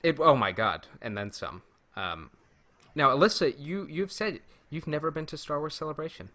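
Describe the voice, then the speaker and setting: Telling stories and bantering casually on a podcast he co-hosts, a man comes across as enthusiastic, jokey and emphatic. His voice runs a little high and expressive, bright and forceful in tone, at a moderate pace.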